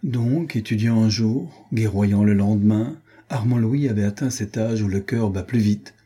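A man reading a novel aloud in a measured storytelling manner. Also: fairly low pitch, warm tone, breathy edge. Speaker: audiobook narrator. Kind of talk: scripted narration.

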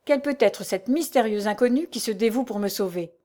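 Woman doing young man, bedridden, earnest, gentle, storybook reading. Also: on the high side, brisk, lightly acted.

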